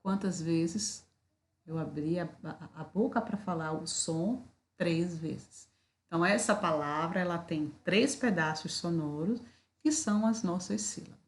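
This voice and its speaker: A woman with a fairly low pitch leads a recorded video lesson at a slow, deliberate pace. Fillers come up often, as do rhetorical questions.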